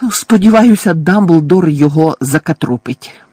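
A man reading an audiobook voices a shrill, furious old woman, a bossy neighbour who shrieks and scolds. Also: big pitch swings, moderate pace, a little mellow, husky, dry recording, full character voice. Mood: scolding.

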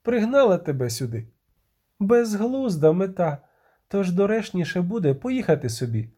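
A man's voice: high voice, big pitch swings, moderate pace, warm tone, husky, voice pushed up, exaggerated voice. A man reading an audiobook, voicing a cold, proud sorceress who speaks dismissively. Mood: cold, scolding.

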